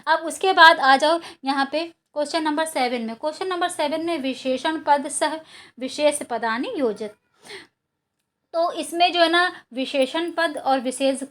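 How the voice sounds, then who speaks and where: A woman teaching schoolchildren in a high, light voice. She goes patiently, saying each point again in other words so the students keep up. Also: measured pace, a bit bright. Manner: patient, repeats and rephrases for students. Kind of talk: explaining a school lesson to children.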